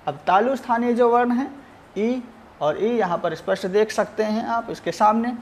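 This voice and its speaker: A male Sanskrit teacher giving a recorded lesson, measured and explanatory, sounding out each letter. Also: high-pitched, a little mellow, a little hiss or hum.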